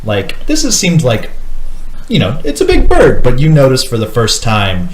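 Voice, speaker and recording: A man narrating as game master in a relaxed, descriptive way with fillers. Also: medium pitch, normal speed, echoey room, slight background noise, rough recording.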